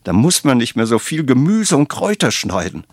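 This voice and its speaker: A man voicing a flustered, inventive father who cooks soup, his voice jumping high and shrill when worked up, in a storytelling reading with acted voices. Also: very animated, brisk, no room sound, clean studio sound. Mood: eager.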